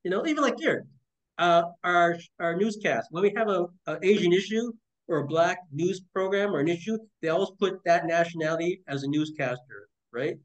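A man hosting a casual interview, rambling and animated, laughing now and then. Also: sits high, fairly quick, low-quality recording. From Canada.

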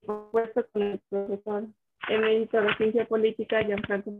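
A woman's voice: mid-range voice, completely flat delivery, brisk. Woman on a choppy, cutting-out call. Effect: choppy audio cutting out on a video call. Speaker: student panelist. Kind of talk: online panel discussion. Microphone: video call. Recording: tinny, distant video-call line with faint music.

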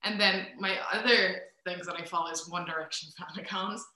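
Bright-voiced teasing woman co-host. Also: fairly low pitch, steady tone, a little fast, reverberant. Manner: teasing, sarcastic and blunt. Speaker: podcast co-host. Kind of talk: casual chat. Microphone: video call mic.

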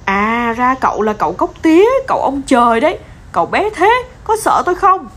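Little curious kitten, high childlike voice, eager questions, lively, played by a woman. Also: a little fast, exaggerated voice. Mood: teasing. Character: small curious young kitten, naive and brave.

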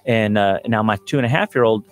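A man's voice: on the low side, fairly quick. A man in his thirties, a doctor guest on a radio show, explaining remedies in a chatty, laughing way. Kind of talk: casual radio chat.

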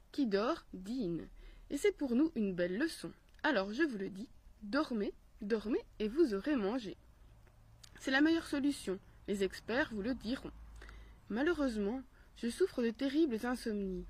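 A woman's voice: fairly high pitch, darkish tone, slightly rough. A woman reading a storybook aloud and voicing a bookish, self-serving male rat who lectures in a wise tone. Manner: sage, lecturing.

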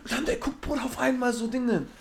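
A man's voice: very high-pitched, a little fast, vocal fry, slight background noise. A young man in casual chat, telling jokes in slangy street talk and often breaking into laughter.

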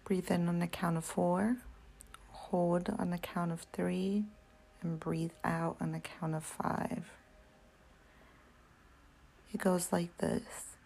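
A woman whispering a guided breathing meditation, softly counting breaths and giving slow, gentle instructions. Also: on the low side, little pitch movement, vocal fry, slightly rough. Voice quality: soft whisper.

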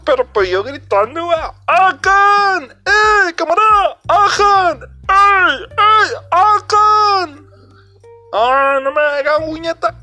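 A man performs a brash young joke-teller, rambling loudly in Mexican street slang with a strongly nasal voice. He pitches it high and bright, well above normal speech, and faint music plays behind.

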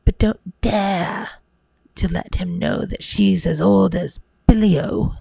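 A woman voicing an angry, scornful mother in a hushed bedtime storybook reading, with a breathy, strained voice. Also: medium pitch, slow pace, no room sound, exaggerated voice. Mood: bossy, grumbling.

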